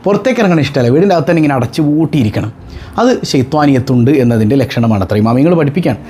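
A man, a religious teacher giving an animated talk to his followers, full of rhetorical questions and joking asides. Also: medium pitch, racing, a little hiss or hum.

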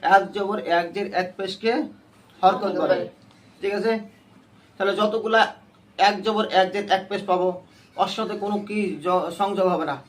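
A man's voice: sits high, steady tone, normal speed, long pauses. A man teaching a Quran reading class, quizzing his students with short repeated questions and waiting for them to answer together. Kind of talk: call-and-response class lesson.

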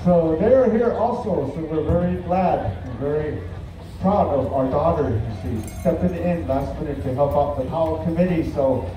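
An older man giving an earnest, measured public address in powwow emcee style, pausing between short phrases. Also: a little high. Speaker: speaker for a family sponsoring a dance special. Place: large open-sided tent at an outdoor powwow. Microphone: distant camera picking up PA. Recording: echoey PA from far off, background noise.

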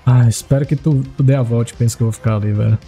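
Man, gravelly voice, mellow tone, excitable gameplay commentary. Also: very fast, soft background music. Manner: excitable, talks to viewers as boys, swings into high-pitched yelps when panicked. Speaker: streamer playing a horror game.

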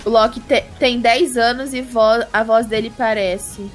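A Brazilian woman with a fairly high voice chats on a gaming live stream. Her manner is casual and teasing, and music plays faintly behind her. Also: fairly even intonation, measured pace.

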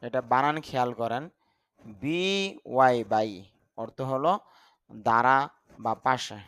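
Male English teacher, slow careful drilling, dry close recording. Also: mid-range voice, fairly bright tone, smooth, dry recording. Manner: slow, deliberate word-by-word drilling with explanations. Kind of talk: vocabulary lesson.

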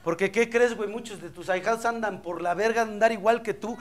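A man's voice: high voice, a little fast. A man with a Mexican accent giving a blunt, profane, impassioned testimony at a recovery meeting. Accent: Mexican Spanish. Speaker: AA speaker.

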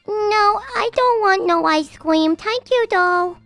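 A woman's voice: very high voice, takes it slowly, fairly bright tone, dry recording, faint music behind, voice pushed up, full character voice. A woman voicing a whiny, sweet toddler girl in a Minecraft role-play. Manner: whiny, pleading childlike voice.

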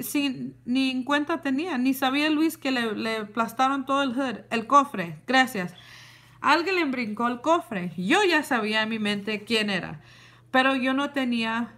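Animated woman. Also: fairly high pitch. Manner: animated, switches between Spanish and English. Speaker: vlogger. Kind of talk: casual storytime to a live audience.

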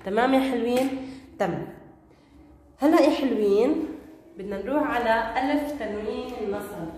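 A woman's voice: on the high side, moderate pace, darkish tone, slight background noise. A woman teacher with a Levantine Arabic accent who gives a patient grammar lesson, repeating key points and checking that the class understands. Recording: echoey room, long reverb.

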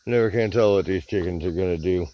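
A deep-voiced man talks quickly while filming his chickens outdoors for a casual backyard vlog, tossing wry mutterings at the flock. The setting is a rural backyard with chicken coops, recorded on a handheld camera whose dull, lo-fi audio picks up clucking in the background.

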